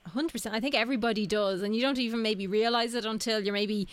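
A woman's voice: a little high, fairly even intonation, fast talker. A woman asking questions as a casual interviewer.

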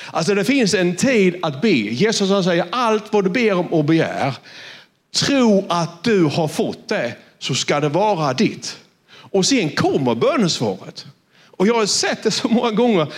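A man preaching a sermon, retelling a Bible story with lively acted-out voices and asking his listeners direct questions. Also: high-pitched. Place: church or studio with screens.

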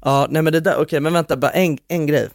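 A young man hosting a podcast, telling stories in animated casual chat and swearing freely. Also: on the high side, gravelly, no echo, studio quality. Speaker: podcast host.

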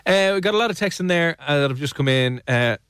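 A man's voice: a little high, animated, fast talker, fairly bright tone, smooth, dry recording, studio quality. An Irish man hosting a radio show, chatting casually and playfully teasing his co-host while reading listener texts. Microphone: studio microphone.

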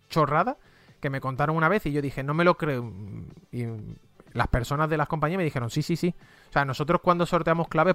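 Streamer, male, Spain Spanish accent, chatty and exclamatory; fairly high pitch, dry close sound. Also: bright, forceful tone, no echo. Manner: chatty, exclaims and mutters asides. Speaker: streamer running game key giveaways. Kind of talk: casual live-stream chat.

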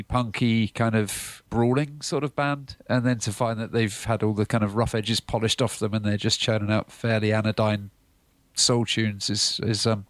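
A man's voice: mid-range voice, no room sound. A man hosting a casual radio music review, talking in a wry, conversational way. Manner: wry, conversational, hums tunes. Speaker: radio show host.

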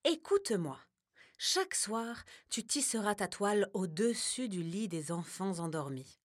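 A gentle, wise old grandmother bear from a storybook, as a woman puts her on, comforts a cub. She speaks tenderly, a little higher than the narrator's own voice. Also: lively intonation, measured pace, dry recording, clean studio sound. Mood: soothing, tender. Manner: soothing, tender and kind.

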